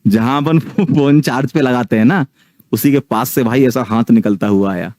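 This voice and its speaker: A man's voice: medium pitch, moderate pace, a little mellow, no room sound. A man in his thirties, a teacher, telling a ghost story in a casual chatty way and often checking in with his listeners. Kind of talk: casual spoken storytelling to online students.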